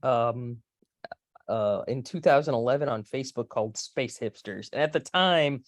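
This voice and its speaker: A woman's voice: a bass voice, normal speed, no room sound. A woman in her forties from Florida, a space historian telling rambling, chatty stories as an interview guest. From Florida, USA. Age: 40s. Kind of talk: casual interview.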